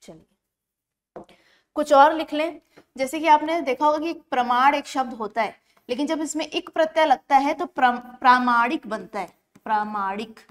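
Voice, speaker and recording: High-voiced woman teaching a grammar lesson. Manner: explains step by step, often checks in with the class; slows down to spell words out syllable by syllable. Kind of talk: exam-prep grammar lesson.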